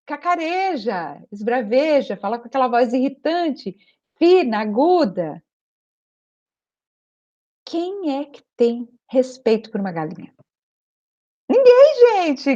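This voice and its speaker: Brief: middle-aged woman, parenting coach, fairly high voice, insistent and repetitive, dull lo-fi recording. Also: warm tone. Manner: emphatic, repeats key points, checks in with the listener. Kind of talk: advice video monologue.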